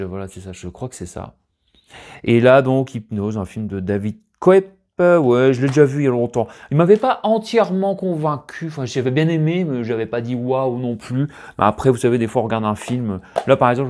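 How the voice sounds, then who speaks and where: A man's voice: medium pitch, darkish tone. Rambling, chatty French-speaking man. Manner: rambling, chatty, often searching for words. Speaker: collector vlogger. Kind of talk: casual unboxing chat.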